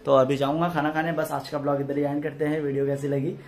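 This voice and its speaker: A man's voice: on the high side, level tone, quick pace. Chatty man. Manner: chatty, loose and conversational. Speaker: vlogger. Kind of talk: casual vlog narration.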